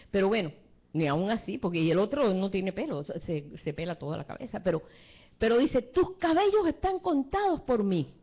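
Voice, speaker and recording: A woman preaching a sermon in a lively storytelling way, acting out the people she quotes. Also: mid-range voice. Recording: dull lo-fi sound.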